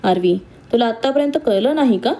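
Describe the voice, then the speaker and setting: Storybook role: woman reading as a cautious, gossipy housekeeper, soft mellow tone, slightly high. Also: lively intonation, a little fast, close to an everyday voice. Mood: confiding. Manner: warning, confiding.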